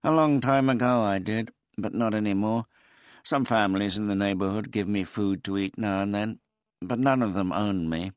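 A man voicing a weary, laconic elderly male tomcat who speaks in a dry, unhurried, noncommittal way. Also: on the low side, smooth, no echo, highs cut off, voice pushed up, lightly acted.

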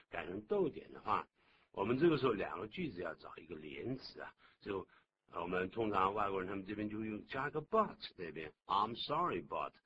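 Lively man teaching English on the radio. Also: on the low side. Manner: lively, explains patiently, asks the listener questions. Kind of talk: bilingual radio English lesson. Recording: dull, noisy old radio recording.

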